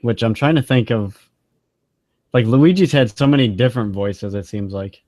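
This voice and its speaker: A man co-hosts a relaxed online chat show, trading jokes and loose banter. His voice sits at an ordinary pitch, and the recording is close and dry with little room sound. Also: moderate pace, no room sound. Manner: joking, quotes others in put-on voices. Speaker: co-host. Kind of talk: casual chat.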